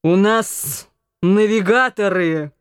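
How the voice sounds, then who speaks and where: A woman reading an audiobook, voicing a drunk, rowdy young male naval cadet who shouts hoarsely and chants in a slurred sing-song. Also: mid-range voice, slow, no room sound, studio quality, close to an everyday voice. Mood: drunken bellowing.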